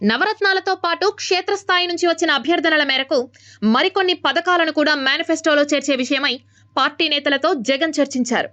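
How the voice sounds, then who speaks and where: A woman reading scripted news as anchor in a brisk, even delivery. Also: very high voice.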